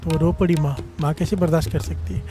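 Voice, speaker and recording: A man's voice: fairly even intonation, fast talker, over music. A man giving a devotional sermon, telling a story and often calling the congregation to respond. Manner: rises in pitch and volume at emphatic points. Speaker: preacher. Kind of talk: Sikh katha sermon.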